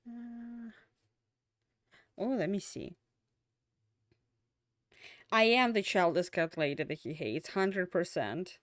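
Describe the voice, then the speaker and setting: A young woman streamer, tired and gradually losing her voice, chats casually as her stream ends, rambling with many fillers and restarts. Her voice is mid-range, and the studio-quality recording has no echo.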